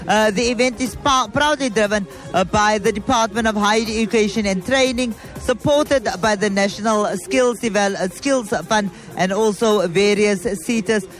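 A woman radio host with a South African accent from Cape Town speaks in a high-pitched voice. She presents live from an outdoor event in a chatty broadcast style, with faint music behind her. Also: poor audio. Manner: switches between English and Afrikaans.

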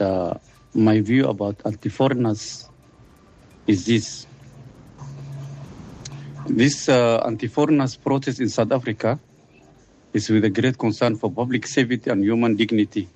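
A man's voice: medium pitch, moderate pace, long pauses, darkish tone, a little hiss or hum. A man from Somalia calling in by voice note, speaking formally as if reading a prepared statement. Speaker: caller. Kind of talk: voice note to a radio show.

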